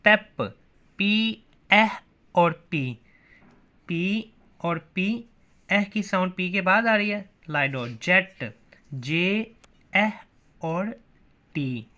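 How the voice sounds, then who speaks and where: Bright-voiced man teaching shorthand. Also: high-pitched, extremely slow, long pauses. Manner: repeats questions and answers them himself. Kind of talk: classroom lesson.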